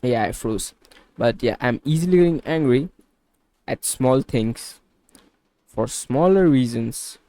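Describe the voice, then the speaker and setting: A man's voice: medium pitch, expressive, takes it slowly, pauses often, warm tone, no room sound. A tired young man vents in a casual confessional vlog about feeling irritable and worn out, sweaty from the heat of his bedroom. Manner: frustrated, venting, repetitive. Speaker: vlogger documenting a fitness journey. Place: hot small bedroom.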